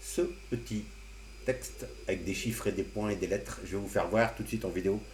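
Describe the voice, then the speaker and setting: A man hosting a casual amateur radio tutorial, explaining computer steps one by one with relaxed, joking asides. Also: fairly low pitch, fairly quick. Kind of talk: casual screen-recorded tutorial. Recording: roomy echo, faint hum.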